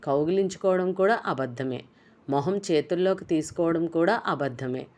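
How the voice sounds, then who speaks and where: A woman's voice: fairly low pitch, normal speed, darkish tone, lightly acted. A woman voicing a nervous young man who is sly but apologetic, talking in a hesitant, pleading way.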